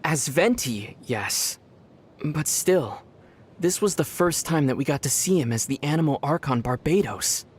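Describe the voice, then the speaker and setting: A husky young game traveler. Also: male voice, fairly high pitch, expressive, unhurried. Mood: reflective. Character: young male wandering traveler, calm and thoughtful. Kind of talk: video game voice line.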